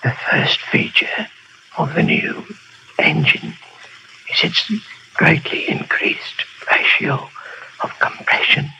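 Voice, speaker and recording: A dying stage performer, reciting a secret formula slowly in a breathy whisper. His voice is thin and bright. It comes from a dull old radio play recording with a faint hiss behind it. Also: a little high, fairly even intonation, full character voice. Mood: dutiful. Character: dying older male stage memory man, dutiful. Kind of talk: 1930s radio drama acting.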